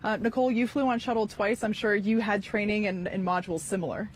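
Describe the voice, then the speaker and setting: A woman with a medium-pitched voice gives live broadcast commentary. She explains in a conversational way over faint ambient noise. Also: fairly even intonation, quick pace.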